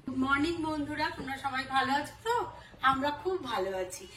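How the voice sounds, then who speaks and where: Casual female speaker, brisk and matter-of-fact, recorded off-mic in an echoey room. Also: high voice, lively intonation, a bit bright. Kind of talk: casual chat. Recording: roomy, from a distance, faint noise.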